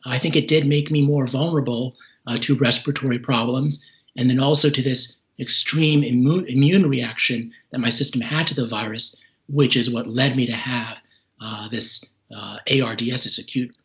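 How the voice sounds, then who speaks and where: A man in his forties, a little short of breath, giving a halting, measured account of his experience as an interview guest. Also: mid-range voice, fairly even intonation. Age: 40s. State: short of breath, recovering from serious respiratory illness. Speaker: interview guest, recovering patient. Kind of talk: recounting personal experience in an interview. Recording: dull lo-fi call audio.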